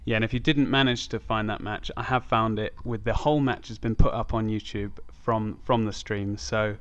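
A man's voice: lowish voice, steady tone, normal speed. A man hosting a podcast, talking casually about sport. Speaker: podcast host.

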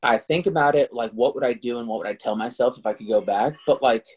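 A man with a husky voice speaks as a guest on a casual podcast interview. His pitch sits in the middle range. He talks in a laid-back, reflective way. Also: quick pace. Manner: relaxed and reflective, laid-back filler-heavy speech. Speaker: guest, Muay Thai fighter and kettlebell trainer.

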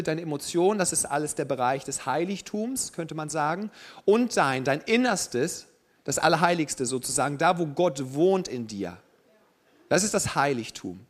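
A young man preaching a sermon to a congregation in a relaxed way, with joking asides. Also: fairly high pitch.

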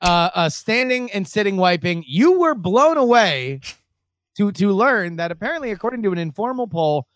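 High-voiced man laying out arguments. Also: sing-song, moderate pace, fairly bright tone, no room sound. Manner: earnest, explains his arguments point by point. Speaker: podcast co-host. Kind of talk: casual chat.

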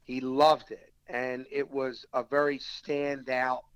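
Lo-fi and dry, this clip captures a slow, smooth, medium-pitched man. An actor from the South Philadelphia area by his accent, he tells animated stories in a casual interview and acts out what others said to him.

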